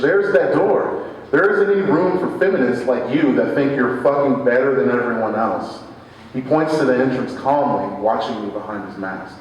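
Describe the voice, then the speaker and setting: Brief: man with a mid-range voice, expressive storyteller, mic far off in a reverberant hall. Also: medium pitch. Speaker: reader at a live storytelling event. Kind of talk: reading a first-person story aloud. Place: live event venue. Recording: echoey hall, distant mic, faint hum.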